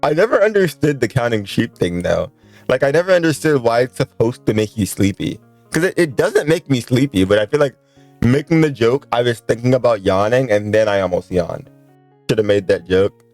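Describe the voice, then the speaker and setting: A man's voice: medium pitch, lively intonation, moderate pace, darkish tone, no room sound, faint music behind. A man streaming a visual novel, joking and chatting with his viewers as he reads. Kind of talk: casual let's-play commentary.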